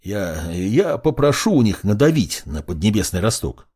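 A man's voice: on the low side, big pitch swings, normal speed, a little mellow, husky. Man voicing a indignant crippled investigator. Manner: indignant and defensive.

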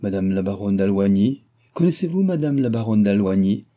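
An excitable, scheming nobleman, as a male narrator plays him, theatrical and insinuating, jumping up in pitch. The voice underneath stays dark and mellow, like a storybook reading. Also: moderate pace.

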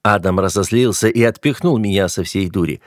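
A man's voice: low-pitched, a little fast, dry recording, clean studio sound. A man reading a first-person audiobook with dramatic, tense delivery. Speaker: audiobook narrator.

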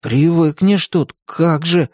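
A man's voice: very high-pitched, lively intonation, normal speed, dry recording, studio quality, pitched above the performer's own voice. A man voicing a grumpy, skeptical young boy who grumbles and argues, in a storybook reading. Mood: grumbling. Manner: grumbling, argumentative.

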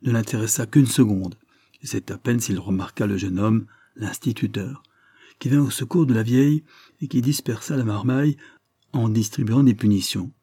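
A man reading a storybook aloud in a steady, even narration. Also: fairly low pitch, moderate pace, husky, dry recording. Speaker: audiobook reader.

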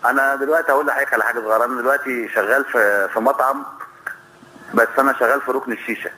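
A man with an Egyptian accent comes through as a phone-in caller on a live broadcast. His voice is very bright and cutting, and he talks in a rapid rush. He is polite and deferential but halting as he tries to ask his question. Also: mid-range voice, steady tone, a little hiss or hum. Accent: Egyptian Arabic. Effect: caller heard over a phone line on a live show. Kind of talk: casual call-in question.

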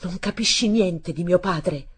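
Woman playing a furious shouting boy. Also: lowish voice, measured pace, slightly rough. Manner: shouting in anger. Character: hot-tempered boy, defending his father.

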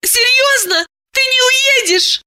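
A woman voicing a distraught, hysterical young woman who cries out in a shrill voice. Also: slow, bright, forceful tone, full character voice. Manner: shrill, crying out.

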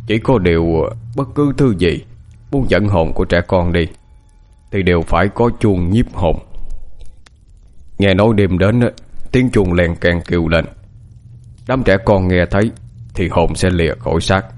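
A man's voice: sits low, a little mellow. A man playing a brooding lame old beggar. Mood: ominous. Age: older. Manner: slow, grave, foreboding storytelling.

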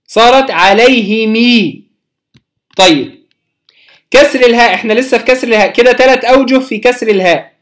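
A teacher with an Egyptian accent giving a Quran recitation lesson, patiently explaining and drawing out each recited example word slowly. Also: mid-range voice. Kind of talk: recorded religious lesson.

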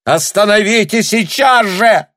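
A man's voice: sits high, lively intonation, measured pace, pushed and bright, no room sound, clean studio sound, pitched above the performer's own voice, full character voice. A male narrator voicing a furious German army captain who bellows and rants with contempt in an audiobook. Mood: raging.

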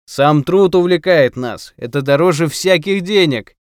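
A man voicing a cheerful, zealous house painter with a loud, brisk, bantering way of talking. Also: fairly high pitch, smooth, no room sound, studio quality, voice pushed up, natural voice. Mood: hearty.

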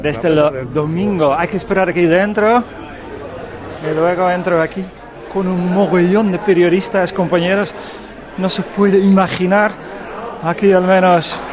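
Man, field reporter, high voice, outdoor street interviews, quick questions. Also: fairly even intonation, a crowd in the background. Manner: conversational, asks short direct questions. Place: outdoors on a town street among crowds.

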